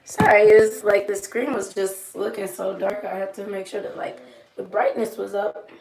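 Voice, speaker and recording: A woman's voice: medium pitch, steady tone, normal speed, creaky. A young adult woman with a strained, throaty voice, chatting casually and ramblingly as she does her makeup in a small room. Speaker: makeup vlogger. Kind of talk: casual chatty get-ready-with-me. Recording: roomy echo, light background noise.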